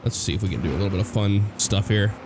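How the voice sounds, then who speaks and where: A young American man narrates a driving game in a loose, rambling style full of fillers and restarts, talking fast. His low-leaning voice is hoarse from a cold, and loud engine and road noise from the game runs underneath.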